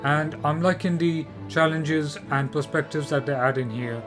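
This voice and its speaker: Emphatic higher-voiced man over clear music. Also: level tone, moderate pace. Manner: emphatic and repetitive, with rhetorical questions. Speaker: video game commentator. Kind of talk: opinion commentary on a game preview.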